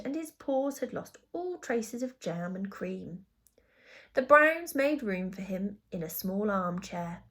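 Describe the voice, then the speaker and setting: In a medium-pitched voice, a woman who teaches brings a children's picture book to life, narrating it expressively as a storyteller would.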